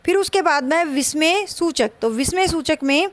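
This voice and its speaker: A woman teaching a Hindi grammar lesson for an exam, slow and explanatory, repeating her points. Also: sits high, no room sound.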